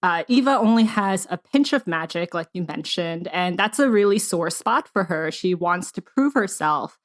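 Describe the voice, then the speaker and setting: A woman's voice: fairly low pitch, lively intonation, normal speed. A woman hosting a book podcast, asking questions in a chatty way with many fillers and ready laughs. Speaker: podcast host. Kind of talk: casual interview chat.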